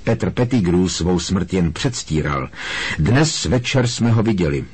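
A man reading an audiobook, voicing an agitated teenage boy who pleads and shouts urgently. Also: low-pitched, animated, breathy edge.

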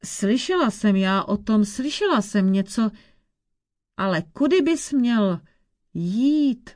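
A woman voicing a hunched old witch in a folk tale, speaking slowly and gravely like a worried grandmother. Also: on the high side, animated, darkish tone, natural voice. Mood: grave warning. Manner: slow, warning, grandmotherly. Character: old hunched witch Ježibaba, female, caring but grave.

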